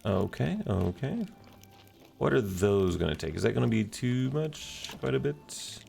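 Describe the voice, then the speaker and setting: A man's voice: lowish voice, very animated, measured pace, vocal fry, darkish tone, soft background music. A man casually commenting on his own gameplay, muttering and humming to himself as he plays. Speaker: video game player. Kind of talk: let's play commentary.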